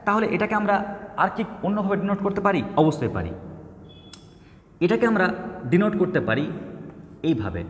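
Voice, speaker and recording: High animated guy teaching math, keeps asking "clear?", echoey room. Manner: asks frequent check-in questions, repeats words for emphasis. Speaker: math tutor. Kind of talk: classroom lecture.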